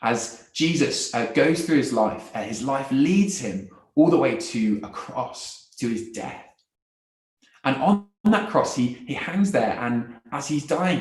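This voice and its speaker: Man, earnest talk, repeats himself, quiet asides, echoey room. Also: mid-range voice. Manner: earnest, repeats words, drops to soft quiet phrases. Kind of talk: evangelistic talk. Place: university event room.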